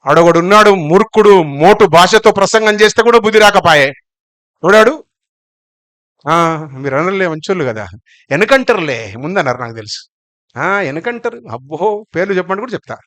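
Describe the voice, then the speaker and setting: High bright-voiced preacher man. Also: expressive, moderate pace, long pauses, no echo. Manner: blunt, scolding, shifts between loud calls and low asides. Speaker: pastor. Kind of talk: sermon.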